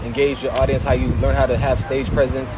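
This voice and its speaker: A young man from Miami talking in a casual interview as a guest rapper, soft-spoken and quiet in manner. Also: mid-range voice, flat delivery, quick pace. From Miami, Little Haiti. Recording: loud outdoor wind and traffic noise.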